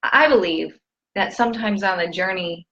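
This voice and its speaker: A wellness coach in a relaxed live stream, a woman with a mid-range voice who wanders through a personal story and stops to greet people in the chat. Her delivery is open and conversational. The sound is muffled and lo-fi. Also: medium pitch, normal speed. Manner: chatty, rambling, reads viewer comments aloud.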